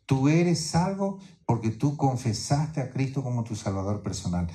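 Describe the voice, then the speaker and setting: Mellow-voiced male preacher. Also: medium pitch. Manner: teaching tone, keeps asking "¿no es cierto?". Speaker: pastor. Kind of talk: sermon. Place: church in New York.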